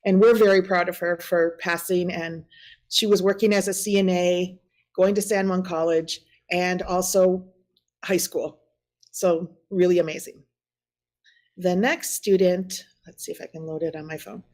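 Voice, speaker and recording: A woman's voice: fairly low pitch, fairly even intonation, measured pace, a little mellow. A woman with a Wisconsin accent, a school district staff member presenting at a board meeting and reading statements aloud, laughing at her own slips.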